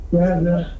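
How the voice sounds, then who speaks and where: A male radio news presenter heard over a glitching link-up, his voice breaking up and coming back as a delayed copy. The tone is dark and muffled, and it rings with echo over a faint background hiss. It sounds like a live broadcast where the connection keeps dropping. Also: sits high. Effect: glitching, choppy audio feed that breaks up. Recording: echoey, noisy delayed line feed.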